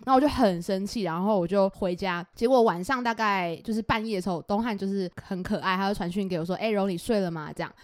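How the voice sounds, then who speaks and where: A woman's voice: mid-range voice, quick pace, few pauses, no room sound, studio quality. A woman co-hosting a podcast, chatting casually in with a laughing, teasing way of telling stories. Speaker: podcast co-host. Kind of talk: casual chat.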